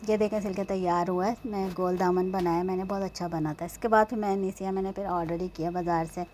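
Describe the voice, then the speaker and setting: A chatty woman with a mellow, warm voice talks casually and rambles from one thing to the next. She often stops to say prayers and blessings. A faint background hiss sits under her. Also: lowish voice, steady tone. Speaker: vlogger. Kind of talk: casual chat. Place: at home and at a horse stable, partly outdoors.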